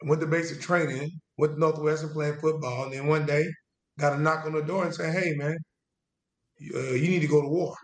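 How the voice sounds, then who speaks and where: A man, a guest telling his story in a loose, halting way with restarts and trailing phrases. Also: a little high, steady tone. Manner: casual Southern US speech, drawn-out and halting with restarts. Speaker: interview guest, veteran. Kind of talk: conversational storytelling. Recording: roomy echo.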